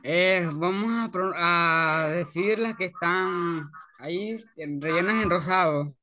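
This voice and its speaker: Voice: medium pitch, slow pace, pushed and bright, no room sound. A student on a video call asking a question and hesitantly reading a short practice dialogue. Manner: hesitant, many fillers. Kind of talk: class participation.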